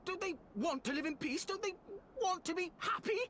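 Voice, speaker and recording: An actress voicing a distraught young noble who pleads and cries out in a video game. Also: female voice, very high-pitched, lively intonation, brisk, a bit bright, slight background noise. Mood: anguished.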